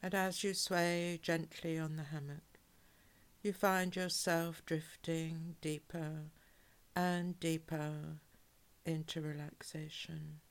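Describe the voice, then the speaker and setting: Low, slow, soothing woman guiding relaxation. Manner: calm, measured, soothing, with drawn-out phrases. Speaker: relaxation hypnosis guide. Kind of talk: guided relaxation hypnosis, soothing scripted narration.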